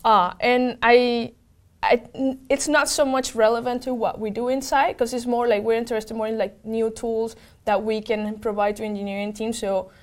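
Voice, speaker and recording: A woman's voice: a little high, fairly even intonation, moderate pace. A young woman from Venezuela, a native Spanish speaker working as a program manager, answering interview questions in casual chat with many fillers. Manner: upbeat, lots of fillers and restarts.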